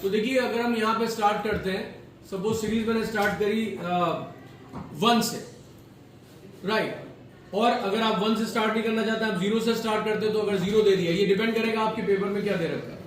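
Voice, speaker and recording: Male lecturer, high voice, Hindi-English code-switching, distant mic in a boomy classroom. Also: fairly even intonation, a little fast, slight background noise. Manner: mixes Hindi and English, asks students questions. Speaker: teacher. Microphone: far from the mic. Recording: very echoey room, distant mic, faint ambience.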